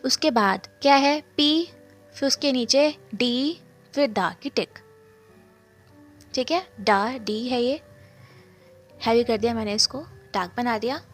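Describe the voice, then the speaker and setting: Step by step, a woman explains shorthand, repeating every sound and posing questions she then answers herself. Her voice is on the high side, and she speaks slowly with frequent pauses over soft background music.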